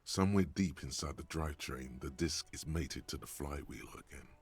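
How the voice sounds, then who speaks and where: A man voicing a brooding, wry inner-voice narrator in a video game, speaking in a measured, poetic way. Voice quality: very deep gravelly voice.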